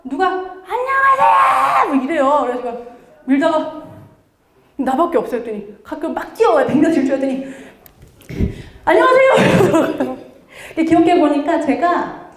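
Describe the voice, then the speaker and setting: Animated high-voiced woman in an echoey room. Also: brisk. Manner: animated, acts out her own past remarks in voices. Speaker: lecturer. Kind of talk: lively lecture with personal stories.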